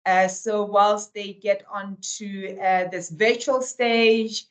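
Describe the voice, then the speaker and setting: A woman moderating a virtual roundtable, introducing guests with many pauses and fillers. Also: medium pitch, steady tone, low-quality recording. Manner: warm, hesitant, with many fillers. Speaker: event moderator. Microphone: video call.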